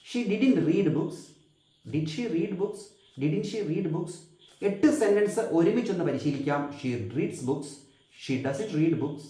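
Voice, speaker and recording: A male English teacher with a Malayali accent leads a drill-heavy lesson, repeating example sentences slowly and deliberately. His voice sits a little high and swings widely in pitch. The room around him rings with echo. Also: warm tone.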